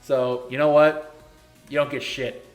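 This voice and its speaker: A man's voice: medium pitch, flat delivery, a little slow, soft background music. Blunt joking man in his thirties. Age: 30s. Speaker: league organizer and streamer. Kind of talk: casual live-stream Q&A.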